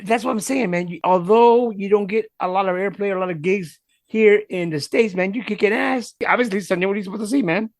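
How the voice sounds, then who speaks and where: A man's voice: high voice, fairly quick, no echo, clean studio sound. A male podcast host and radio veteran in a casual interview, talking emphatically and in a friendly way, often saying "man".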